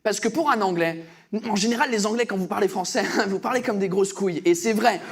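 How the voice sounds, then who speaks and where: A man's voice: high voice, a little fast, husky. A young British man doing self-mocking stand-up comedy on a stage, breaking into laughter. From Britain.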